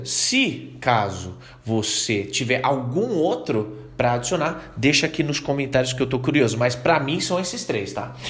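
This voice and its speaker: A man's voice: a little high, fairly bright tone, reverberant. A man with a Brazilian Portuguese accent teaching English pronunciation in a casual, chatty way, often checking in with the listener. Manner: chatty, keeps asking "tá?", drills words slowly. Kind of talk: casual online English lesson.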